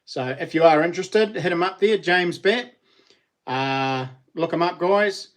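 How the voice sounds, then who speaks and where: A man's voice: a little high, unhurried. A man with a broad New Zealand accent hosting a casual live chat, talking to viewers in matey Kiwi slang. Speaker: live stream host.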